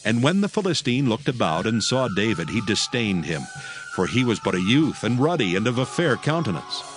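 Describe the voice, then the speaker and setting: A man's voice: on the low side, sing-song, normal speed. A man narrating scripture as storyteller in a dramatized reading. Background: background music.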